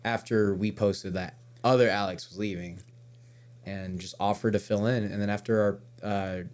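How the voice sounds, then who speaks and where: Male metal vocalist guest, lowish voice, rambling casual delivery. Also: fairly even intonation, normal speed, a little mellow. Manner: loose, rambling, restarts mid-sentence. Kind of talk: casual interview chat.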